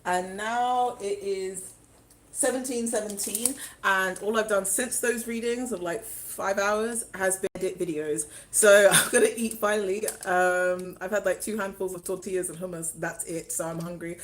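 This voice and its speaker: A woman's voice: mid-range voice, steady tone, moderate pace, slight background noise, poor audio. A young woman chatting casually on a live stream, rambling and answering viewer comments as they come in. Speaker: spiritual vlogger doing a live stream.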